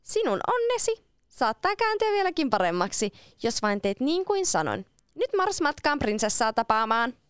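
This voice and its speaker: A woman's voice: sing-song, clean tone, dry recording, studio quality. A woman doing a clever bold cat in boots. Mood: coaxing. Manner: eager, persuasive, high-pitched. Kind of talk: storybook reading.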